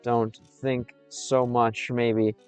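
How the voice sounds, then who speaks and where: A young American man chatting with his stream viewers, switching between English and halting Russian, pausing often as he reads the chat. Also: mid-range voice, level tone, clear, resonant tone, soft background music. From United States.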